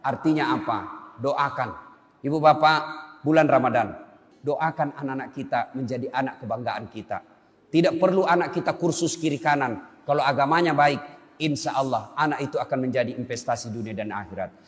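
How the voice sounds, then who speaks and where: A male preacher, giving an animated Ramadan sermon and speaking straight to the congregation. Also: medium pitch, fairly quick. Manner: animated storyteller, addressing the congregation directly. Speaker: preacher (ustadz). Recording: echoey hall with long reverb.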